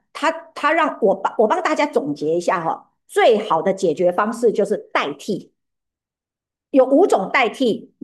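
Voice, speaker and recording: A woman preaching a sermon who often puts questions to her listeners. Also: on the high side.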